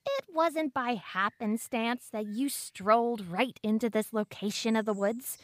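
A woman's voice: fairly high pitch, measured pace, no room sound, natural voice. A woman playing a pompous, coldly menacing fourteen-year-old girl who speaks in an overly formal, wordy and condescending way. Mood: smug, menacing. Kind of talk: audio drama acting.

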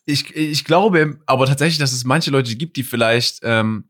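A man's voice: medium pitch, normal speed, a bit bright. A young man co-hosting a casual chat podcast, easygoing and conciliatory. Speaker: podcast co-host.

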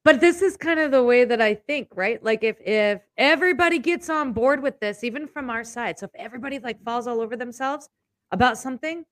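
A woman with a somewhat high voice talks politics casually, sarcastic and animated, swearing freely and mocking the people she quotes. The sound is dry and close, with almost no room in it. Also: brisk, no echo. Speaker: podcast co-host.

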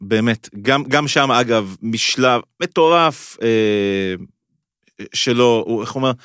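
Enthusiastic halting man, dry sound. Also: mid-range voice, fairly bright tone, clear, resonant tone, dry recording. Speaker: podcast co-host. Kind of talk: casual TV-recap podcast chat.

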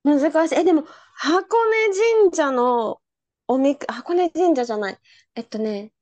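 A young woman hosting a podcast, chatting casually and telling animated stories, acting out the people she quotes. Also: high-pitched, normal speed, no echo, highs cut off. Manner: animated storyteller, acts out quotes. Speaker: podcast host. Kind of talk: casual chat.

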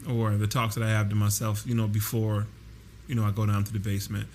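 A man with a lowish, slightly mellow voice talks fast and in a monotone, hosting a casual solo podcast and addressing listeners conversationally. He's a podcast host and personal trainer recording at home, where a running air conditioner leaves a constant hiss in the background.

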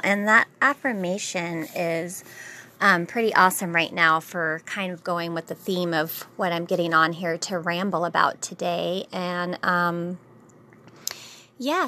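Slow-talking bright woman hosting a spiritual vlog. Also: on the low side, slight background noise. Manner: relaxed, rambling with many fillers; gentle and affirming. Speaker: host of a daily spiritual vlog. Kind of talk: casual spiritual talk.

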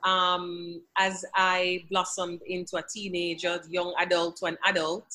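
This woman's voice is on the low side, with little pitch movement, an unhurried pace, and a pushed, bright quality. She's a language educator guesting on a podcast, answering conversationally and earnestly from her home office, quoting scripture with evident faith.

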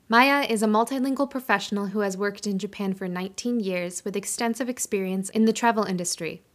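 A woman hosting a podcast, reading a scripted intro and carefully sounding out Japanese phrases syllable by syllable. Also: medium pitch. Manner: careful, slow syllable-by-syllable pronunciation of Japanese words. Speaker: podcast host.

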